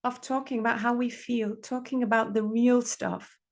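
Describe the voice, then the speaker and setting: Woman, middle-aged, fairly high voice, earnest, repeats for emphasis. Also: steady tone, moderate pace. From Denmark. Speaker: relationship therapist, podcast guest. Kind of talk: reflective conversational advice.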